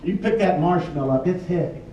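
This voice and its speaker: A man's voice: high voice, a little fast, mellow, dull audio. A man, a folksy, joking presenter casually explaining a challenge to a group and repeating his questions. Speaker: workshop presenter. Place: large echoey indoor room with a group. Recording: echoey room, picked up from a distance.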